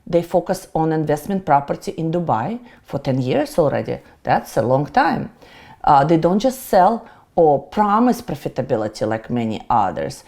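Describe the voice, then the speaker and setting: A woman's voice: on the low side, warm tone. A middle-aged woman from Russia with a Russian accent, a tax accountant giving a playful, emphatic lecture. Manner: playful, self-mocking, emphatic. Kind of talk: presenter lecture to camera.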